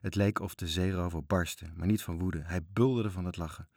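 A man's voice: sits low, steady tone, moderate pace, a little mellow, no echo, studio quality. A man reading a children's story aloud, expressively, voicing the characters. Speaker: narrator.

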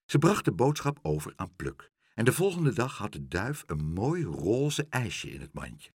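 Husky man reading a children's story aloud. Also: fairly low pitch, dry recording, clean studio sound. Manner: lively expressive storytelling. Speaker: narrator.

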